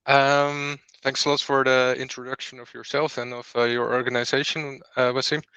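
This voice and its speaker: A man who founded a startup company hosts an online program presentation on a video call, explaining each step clearly as he goes. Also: medium pitch, flat delivery, moderate pace, sharp tone, no echo, muffled recording.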